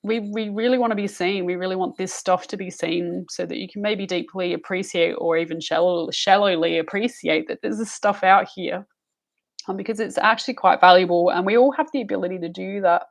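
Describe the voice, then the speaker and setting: A woman's voice: mid-range voice, steady tone, a little fast, vocal fry. A woman giving a live psychic reading, soothing and rambling, calling the listener love and honey. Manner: rambling with frequent restarts and fillers. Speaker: psychic reader.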